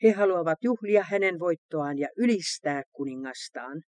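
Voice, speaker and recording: A man giving a solemn, measured devotional reading, recorded close to the mic. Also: on the high side, animated, darkish tone, no room sound.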